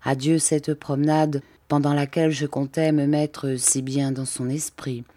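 Low, dark-voiced woman reading a classic novel. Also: level tone, dry recording. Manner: measured, literary reading. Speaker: audiobook narrator. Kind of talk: scripted narration of a classic novel.

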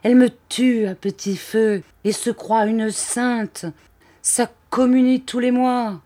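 A woman reading the lines of a ranting, paranoid middle-aged count in a novel, shouting bitter accusations. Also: fairly high pitch, fairly even intonation, slow, voice pushed up. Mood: raging.

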